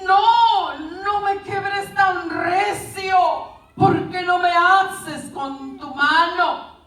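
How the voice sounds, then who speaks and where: A tiny clay teacup cries out and pleads in a high, complaining voice, put on by a woman preacher. It sounds distant and echoey, like a church hall recording. The delivery is slow and drawn out. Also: fairly bright tone, full character voice. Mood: pleading. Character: little clay teacup crying out in pain. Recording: echoey room, distant mic.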